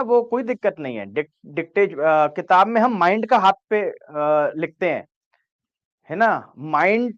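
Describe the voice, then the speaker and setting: Male teacher, dictating notes, repeats each phrase, fairly high voice, dull dry recording. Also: dry recording. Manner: repeats each phrase slowly for note-taking; coaxing, checks understanding with "है ना?". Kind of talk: dictating a law lesson to students.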